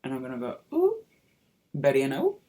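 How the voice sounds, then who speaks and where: A man's voice: a little high, lively intonation, normal speed, fairly bright tone. A man chatting casually through a makeup tutorial as a sassy drag queen, with campy slang and exclamations. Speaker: makeup vlogger and drag performer. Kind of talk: casual get-ready-with-me makeup tutorial chat.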